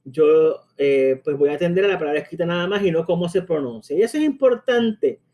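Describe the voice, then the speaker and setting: Caribbean-accented man, mellow teaching voice. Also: fairly high pitch, lively intonation, a little fast. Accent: Caribbean Spanish. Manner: conversational, frequent tag questions and hesitations. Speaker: language teacher. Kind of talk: explanatory spoken lesson.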